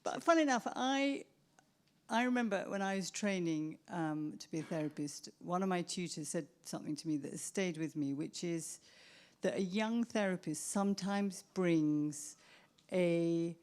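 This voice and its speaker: A woman speaks as a psychotherapist answering questions at a professional event. Her voice sits a little low, and she talks in a measured, reflective way, often restarting her sentences as she thinks. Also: a little mellow.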